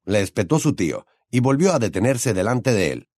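A man narrating an audiobook in an expressive storytelling style. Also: fairly low pitch, fairly quick, no room sound, clean studio sound.

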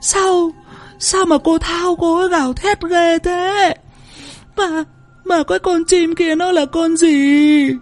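A woman doing a scared older village woman, high-voiced and tearful as she begs again and again to go home. Soft music sits under the audio-drama telling. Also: steady tone, slow. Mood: frightened pleading. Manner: tearful, begging.

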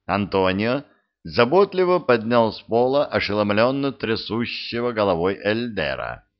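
A man narrating an audiobook in measured storytelling. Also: on the low side, big pitch swings. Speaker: audiobook reader. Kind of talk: scripted narration. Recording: dull lo-fi recording.

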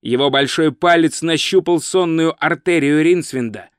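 A man reading a humorous fantasy novel aloud as audiobook narrator, steady and measured. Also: fairly high pitch, clean tone, dry recording, studio quality.

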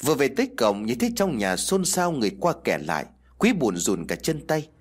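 Male storyteller, husky voice, lively pitch, scripted narration. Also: fairly quick. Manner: expressive, storytelling.

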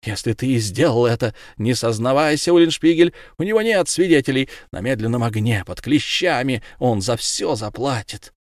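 A man voicing a vengeful woman of the town in a storybook reading, with fierce, loud accusing cries. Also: medium pitch, animated, normal speed, few pauses, no echo, studio quality, natural voice.

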